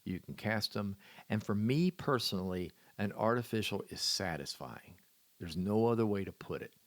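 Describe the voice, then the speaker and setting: A man with a fairly low voice talks through fishing tips as a podcast host. He is folksy and wry, joking at his own expense as he goes. The sound is dry and close, with no room around it. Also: animated, normal speed, dry recording. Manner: folksy, wry, self-deprecating humor. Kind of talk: solo podcast tips talk.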